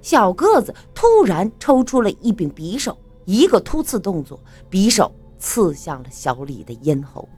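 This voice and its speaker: Expressive woman narrating a story. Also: medium pitch, normal speed, few pauses, husky, soft background music. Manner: expressive, dramatic.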